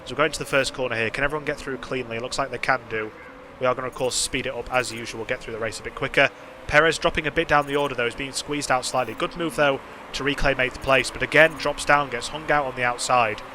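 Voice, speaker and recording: A man's voice: mid-range voice, noisy background. A young man casually commenting on a racing management game, chatty and thinking aloud with plenty of fillers. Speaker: gaming channel host.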